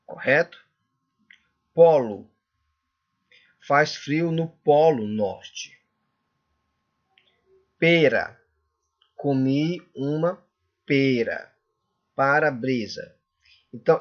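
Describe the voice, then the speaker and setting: A male Portuguese teacher giving a classroom lecture, often checking in with the class and drawing out example words slowly. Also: fairly high pitch, muffled recording. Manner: checks in constantly with "correto?" and "tudo bem?".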